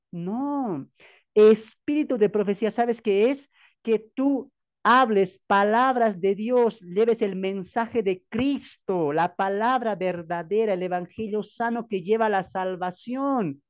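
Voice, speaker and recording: A man's voice: sits high, a little mellow, dull audio. A man from Bolivia, a pastor teaching from the Bible in an emphatic preaching style full of rhetorical questions and repeated phrases. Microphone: video call.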